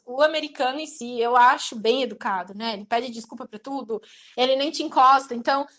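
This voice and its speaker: A young woman with a Brazilian accent chats casually as a podcast host, her voice sitting noticeably high. She talks in a lively, anecdotal way and briefly acts out the people she is describing. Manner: chatty and lively, acting out quoted people in passing. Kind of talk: casual chat.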